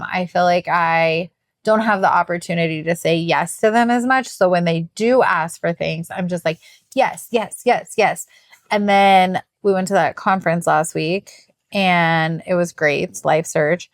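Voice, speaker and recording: A woman's voice: on the low side, dry recording, studio quality. Chatty, sleepy woman podcast host. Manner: chatty, rambling, laughs often, yawning and tired. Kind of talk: casual podcast chat.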